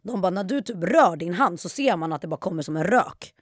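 A woman's voice: lowish voice, no room sound, studio quality. A woman in her twenties, a podcast guest, telling stories in casual chat and acting out what people said with her voice raised. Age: 20s. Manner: animated storytelling, acts out quotes with a raised voice. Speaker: guest, YouTuber.

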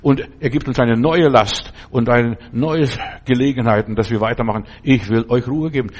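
An older pastor delivers a sermon at a mid-range pitch. He preaches emphatically, hammering phrases again and again and rising into sudden outbursts. Between them he drops into chatty asides to his listeners. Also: moderate pace. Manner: conversational asides like "verstehst du".

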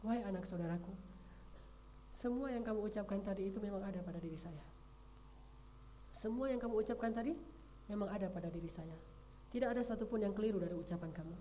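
A woman voicing a humble, gentle noble man who speaks calmly in a sermon story. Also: medium pitch, quick pace, long pauses, a little hiss or hum, lightly acted.

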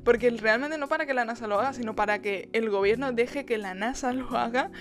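A woman's voice: a little high, fairly quick. A young woman hosting a podcast, chatting casually about a film with frequent laughs and restarts. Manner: chatty, laughs often, many restarts and quoted asides. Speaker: podcast host. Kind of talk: casual film review monologue.

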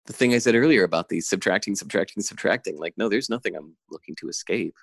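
A man's voice: on the low side, quick pace, gravelly, a bit bright, no echo. A man talking as a podcast guest in casual conversation, intense and enthusiastic, laughing often, over a remote call.

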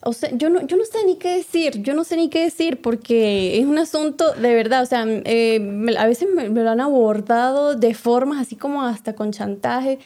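A woman, co-hosting a casual chat in a relaxed, conversational way. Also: fairly high pitch, moderate pace, hardly any pauses. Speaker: influencer co-host.

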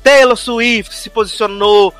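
A man's voice: high voice, fairly even intonation, unhurried, fairly bright tone, smooth, soft background music. A man co-hosting a podcast, chatting casually and animatedly, now and then mimicking the people he describes. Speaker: podcast co-host. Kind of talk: casual chat review.

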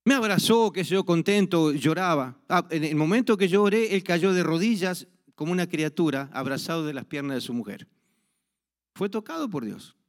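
A man's voice: a little high, animated, normal speed. Man preaching in a story-telling sermon. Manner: storytelling, acts out dialogue, frequent restarts. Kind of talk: sermon with personal anecdote.

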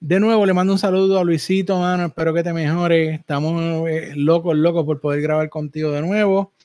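Male podcast host, Puerto Rican accent, slightly high voice in a dry recording, informal and chatty. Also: fairly even intonation, a little fast, a little mellow, clear, resonant tone, no room sound. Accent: Puerto Rican Spanish. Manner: informal, conversational. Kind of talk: casual podcast hosting.

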